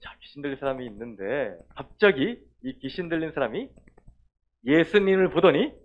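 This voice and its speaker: A man preaching a children's sermon, telling the story with animated questions to the kids. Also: fairly high pitch, normal speed, dull audio. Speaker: children's pastor.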